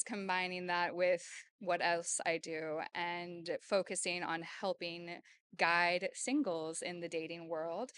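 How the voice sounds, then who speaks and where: A woman's voice: lowish voice, bright, forceful tone, clean tone. A woman from San Diego, a yoga and sound healing practitioner, introducing herself to a small group, a bit self-conscious and giggly. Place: wellness studio with a small audience.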